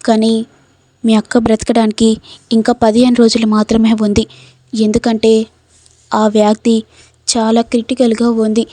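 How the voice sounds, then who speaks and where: A woman's voice: fairly high pitch, monotone, normal speed, pauses often, dark tone, dry recording, lightly acted. A woman voicing a grave male doctor delivering bad news, in a plain read-out manner. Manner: plain read-out lines, hardly acted.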